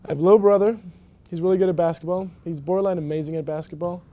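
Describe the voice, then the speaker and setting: A young college athlete from Germany answers questions in a relaxed, halting way, full of ums and restarts. His voice is mellow and a little high for a man. He sits in an empty indoor arena. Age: young adult. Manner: hesitant, many fillers and restarts. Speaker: college basketball player. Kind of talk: casual interview answers.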